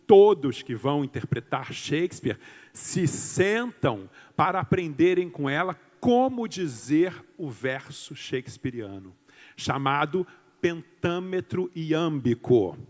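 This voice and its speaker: A man's voice: a little high, darkish tone, big-room sound. A man giving a lecture-style talk to an audience, theatrical and emphatic, explaining terms step by step.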